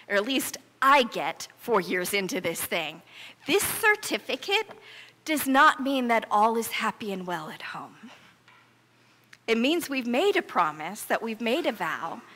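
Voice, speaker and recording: A slightly high, bright, forceful female voice carries through a reverberant church hall. It belongs to a middle-aged American pastor preaching in the sanctuary before her congregation, telling her message in an emphatic, earnest, conversational way.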